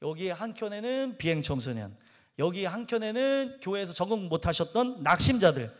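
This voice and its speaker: Male pastor with a high voice, preaching a funny story, with a long hall echo. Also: very animated, normal speed, fairly bright tone. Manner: humorous storytelling, acting out quoted voices. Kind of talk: sermon. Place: church sanctuary.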